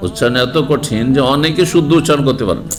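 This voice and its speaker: A man's voice: medium pitch, fast talker, faint music behind. Man giving a religious lecture. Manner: explanatory, asks the audience rhetorical questions. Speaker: Islamic scholar giving a lecture.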